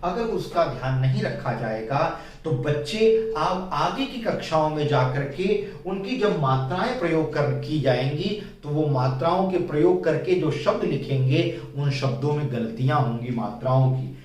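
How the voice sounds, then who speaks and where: Echoey Hindi teacher explaining slowly. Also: male voice, a little high, lively intonation, darkish tone. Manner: slow, explanatory, repeats key points. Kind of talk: whiteboard grammar lesson. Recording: very echoey room, mic at a distance.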